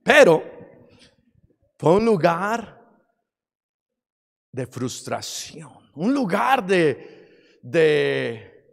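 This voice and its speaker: A man preaching a sermon, swinging from hushed asides to shouting. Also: on the high side, big pitch swings, very slow, vocal fry, pauses often. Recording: long hall reverb.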